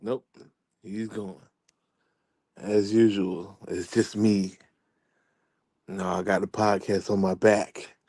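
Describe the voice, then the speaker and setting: A man's voice: fairly low pitch, little pitch movement, slow pace, vocal fry, long pauses, a little mellow, husky, no room sound, studio quality. A man co-hosting a casual podcast, joking playfully while filling time. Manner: joking, playful self-promotion. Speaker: podcast co-host.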